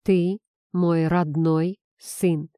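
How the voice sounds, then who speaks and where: A woman voicing a stern middle-aged father who speaks in a low, measured, weary way. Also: warm tone, no echo, studio quality, lightly acted. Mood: grim.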